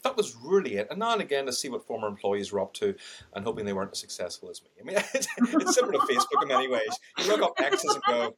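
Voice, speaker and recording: A fast-talking middle-aged Irishman with a husky, medium-pitched voice appears on a podcast as a sales and LinkedIn trainer. He tells his story frankly and with energy, quoting what went through his head and laughing as he goes.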